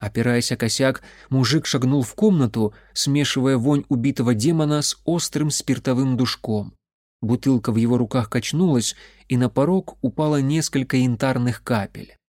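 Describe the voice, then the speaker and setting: A man reading a fantasy story aloud as narrator in a steady, even way. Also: medium pitch, normal speed, no room sound, studio quality. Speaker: audiobook narrator. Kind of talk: scripted narration.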